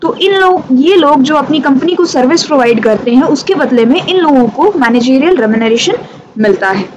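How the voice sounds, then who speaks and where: A woman with an Indian accent and a high voice gives an informal company law exam revision lesson, mixing Hindi and English. She speaks conversationally and addresses her students directly. The recording is rough, with clearly audible background noise.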